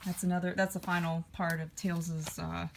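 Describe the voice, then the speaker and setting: A woman's voice: lowish voice, level tone, normal speed, gravelly, noisy background. A woman vlogger rambling casually while flipping through her old comics, with dry offhand asides. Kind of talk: casual vlog chat.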